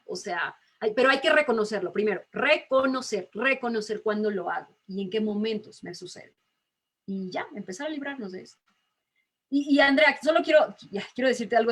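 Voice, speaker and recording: A woman voice teacher, talking emphatically in a relaxed interview and laughing often. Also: mid-range voice, husky. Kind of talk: casual video-call interview.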